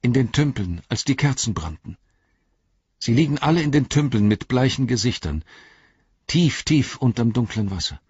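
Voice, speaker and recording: A man voicing a dazed young hobbit in an audiobook, speaking in a hushed, entranced way. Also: medium pitch, lively intonation, slow, pauses often, breathy edge, no echo, lo-fi sound, pitched above the performer's own voice, full character voice. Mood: dreamy. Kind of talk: audiobook character voice.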